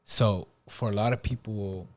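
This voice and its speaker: A man's voice: lowish voice, steady tone, unhurried. A man hosting a podcast in a casual chat, laid-back and tagging his points with "bro" and "right?". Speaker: podcast host.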